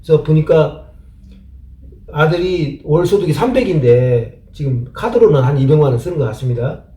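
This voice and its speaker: Mellow middle-aged man, measured advice. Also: a little high. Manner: measured, plainspoken, reflective, asks rhetorical questions. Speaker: channel host reading a viewer's letter and giving advice. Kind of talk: reading a viewer's letter, then advice commentary. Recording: roomy, distant mic with soft instrumental music. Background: soft instrumental music.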